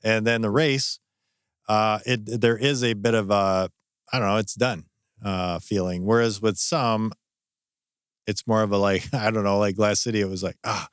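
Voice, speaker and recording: A man hosting a running podcast, chatting in a relaxed way with many fillers. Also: fairly low pitch, normal speed, clean tone, no echo, studio quality. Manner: easygoing, with frequent fillers and restarts. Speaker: podcast host. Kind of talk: casual interview chat.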